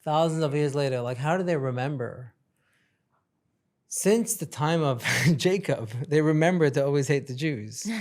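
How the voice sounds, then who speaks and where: A man from Sweden, a podcast guest, telling childhood stories in a casual, animated way with frequent laughs. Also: a little high, normal speed. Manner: animated storytelling, laughs often. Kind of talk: casual interview chat.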